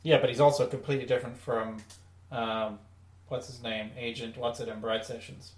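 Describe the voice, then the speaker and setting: A podcast co-host talks in a casual, rambling and enthusiastic way about audio dramas. His medium-pitched voice keeps a level tone at normal speed, recorded distant from the mic in an echoey room.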